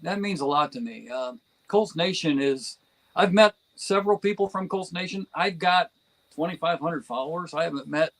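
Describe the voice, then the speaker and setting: A man's voice: a little high, moderate pace, a bit bright, low-quality recording. A man from New Jersey chatting as a guest on a fan podcast, enthusiastic and rambling, with frequent chuckles. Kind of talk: casual podcast chat.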